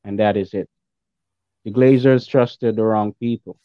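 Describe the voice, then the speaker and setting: A man's voice: lowish voice, steady tone, a little slow, no echo, dull audio. A man speaking as a podcast guest in casual, opinionated football chat, emphatic and repeating his points. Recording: thin, band-limited remote call sound.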